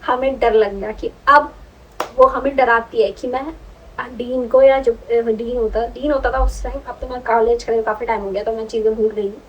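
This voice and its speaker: A woman's voice: on the high side, normal speed, dull audio, slight background noise. Chatty young woman telling a story. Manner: animated, chatty, frequent "ठीक है" check-ins. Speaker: vlogger. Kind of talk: casual storytelling.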